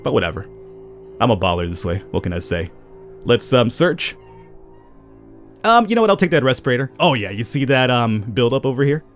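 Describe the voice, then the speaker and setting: A man hosts a casual gameplay session, narrating his moves and bantering with himself and the items he picks up. His pitch swings widely from line to line, and faint guitar music plays quietly underneath. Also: fairly quick. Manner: animated, talks to himself and to game items. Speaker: gaming channel host.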